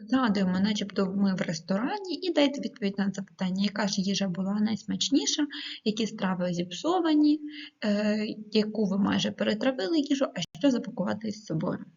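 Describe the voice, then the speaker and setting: A woman teacher giving a video lesson to schoolchildren, dictating words slowly and clearly with the odd hesitant filler. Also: medium pitch, expressive, a little mellow. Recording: dull lo-fi recording.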